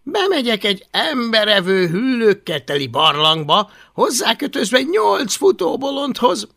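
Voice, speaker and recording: A man's voice: high voice, sing-song, gravelly, bright, forceful tone, voice pushed up, full character voice. Man doing a sarcastic Viking boy. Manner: sarcastic, mocking.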